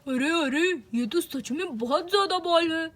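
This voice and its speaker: A woman's voice: extremely high pitch, moderate pace, a bit bright. A woman playing a scolding, easygoing husband. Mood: scolding calm. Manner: mildly scolding, dismissive. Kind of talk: doll-play story voice.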